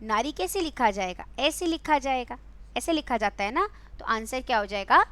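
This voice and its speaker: A woman's voice: on the high side, animated, moderate pace, fairly bright tone. A young adult woman teaching Hindi in an online exam-prep class, quizzing her students, coaxing them and calling them beta.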